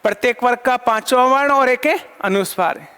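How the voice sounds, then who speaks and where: A man's voice: very high voice, moderate pace, bright, forceful tone, clean tone. A man teaching an online lesson, asking questions and answering them himself and counting items aloud. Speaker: Sanskrit teacher. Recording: long hall reverb.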